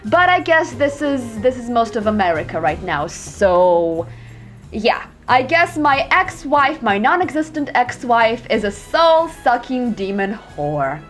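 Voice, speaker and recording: Speaking to camera in a high, bouncy voice, a young female YouTuber reads online quiz questions aloud and fires back sarcastic, profane answers. Soft music plays faintly in the background.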